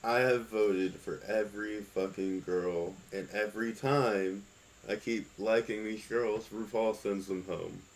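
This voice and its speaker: Low-voiced man hosting a casual podcast. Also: steady tone, rough recording. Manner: brisk, profane, leads the questions. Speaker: podcast host. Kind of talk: casual chat.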